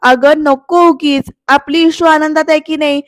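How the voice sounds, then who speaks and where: Brief: cautious, caring mother who speaks softly, read by a woman. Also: high-pitched, fairly even intonation, unhurried, dry recording, studio quality.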